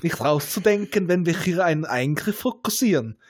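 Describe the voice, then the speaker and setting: A man's voice: on the high side, animated, moderate pace, breathy edge. Man doing a bossy big alien with a twang. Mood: formal. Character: big male alien with eye stalks, bossy.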